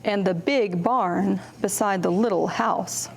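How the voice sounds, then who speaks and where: Gravelly and medium in pitch, a woman's voice moves slowly through picture books at a children's storytime, with slight background noise. The librarian host reads expressively, uses her voice to act out contrasts, and asks her young audience simple questions.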